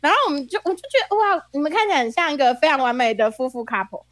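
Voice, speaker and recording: Female podcast host, Taiwanese Mandarin accent, quick casual chatter, very swingy intonation, playful teasing. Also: high-pitched, very animated, no room sound. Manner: playful, teasing, often laughing. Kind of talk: casual chat, animated anecdotes.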